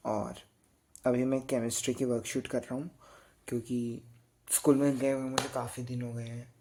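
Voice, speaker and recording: A young man in his late teens with an Indian accent, chatting casually in a night-time study vlog. He speaks softly and slowly, sleepy and tired, and rambles a little. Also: medium pitch, little pitch movement, noisy background. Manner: speaks softly and slowly so as not to wake others; drifts between two languages, rambling and tired. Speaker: student vlogger.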